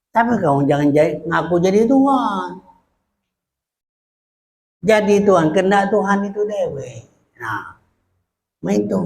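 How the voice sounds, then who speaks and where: A man preaching in a Palembang Malay accent, his voice gravelly with fry and sitting a little above the usual male pitch. He teaches at an unhurried pace, leaning on pauses and a repeated "nah" as he explains. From Indonesia. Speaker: religious teacher. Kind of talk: sermon.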